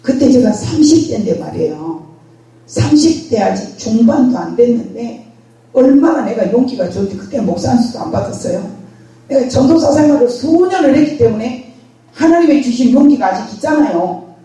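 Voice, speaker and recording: Older woman pastor, lively storyteller, mellow voice, very echoey far-off sound. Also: fairly high pitch, normal speed. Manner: animated storytelling, acts out scenes. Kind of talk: sermon. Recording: very echoey hall, distant mic.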